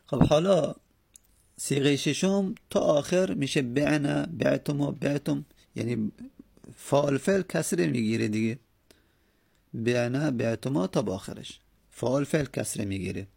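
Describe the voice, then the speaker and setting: A male teacher delivers a grammar lecture in a medium-pitched voice with a rough, gravelly edge. Speaking patiently with long pauses, he recites verb forms one after another in steady drills and checks in with his students along the way.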